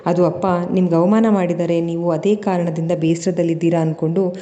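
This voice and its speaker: A woman's voice: lowish voice, level tone, fairly quick, lightly acted. A woman voicing a hot-tempered young son who speaks sharply and angrily. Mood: heated. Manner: sharp and angry. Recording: long reverb.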